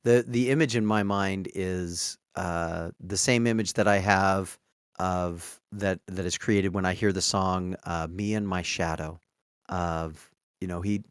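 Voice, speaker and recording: A man with a low voice talks through a book in a relaxed podcast chat. He sounds thoughtful and pauses to find his words. The sound is close and dry, with no room around it. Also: smooth, dry recording. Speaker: podcast co-host. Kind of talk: casual book discussion.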